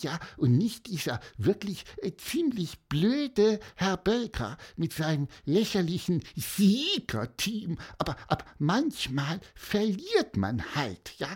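A man's voice: high voice, slightly rough, pitched above the performer's own voice, exaggerated voice. A man voicing a kind, hesitant little bird who stammers with lots of "äh" in a children's audio story. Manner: stammering, full of "äh" and "ja".

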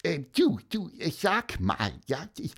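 A man voices a small, kind bird in a children's audio story. He speaks high, husky and hesitant, stammering with lots of "äh" and "ja". The pitch bounces up and down. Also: huge pitch swings, slow pace, fairly bright tone, heavily acted. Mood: consoling. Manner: stammering, full of "äh" and "ja".

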